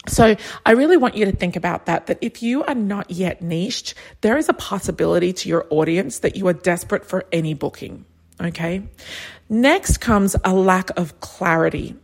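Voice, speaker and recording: A woman's voice: on the low side, moderate pace, gravelly. A woman in her thirties coaching travel advisors in a chatty, anecdotal podcast talk. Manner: chatty, anecdotal, animated impressions. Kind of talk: solo business podcast talk.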